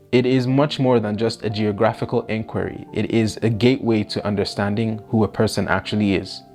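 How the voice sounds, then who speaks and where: A man narrating a reflective video essay in a measured, scripted voice-over. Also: on the low side, a little mellow. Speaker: host narrator.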